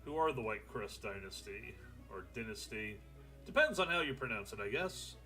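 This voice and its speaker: A man's voice: mid-range voice, very animated, quick pace, pushed and bright, soft background music. A young man streaming a strategy game, thinking aloud in casual, rambling commentary with the odd swear.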